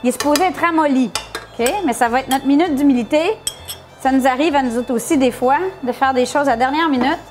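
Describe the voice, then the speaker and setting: A woman's voice: high-pitched, fairly quick, a little mellow. A woman hosting a casual cooking tutorial, playful and jokey. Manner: playful, jokey, laughs often. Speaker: cooking show host.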